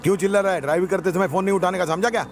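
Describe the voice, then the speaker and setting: A man's voice: sits high, fairly even intonation, rapid-fire, slight background noise. A man playing a bossy gang boss who barks orders and makes threats. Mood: menacing. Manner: gruff and threatening, barking orders. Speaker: comedy sketch actor. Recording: background music.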